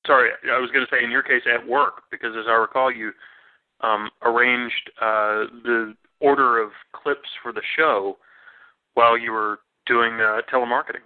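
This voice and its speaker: A man chats casually on a three-way phone call with a wry, joking manner. His voice has an average pitch and comes through a narrow, tinny phone line. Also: steady tone, normal speed. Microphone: telephone call.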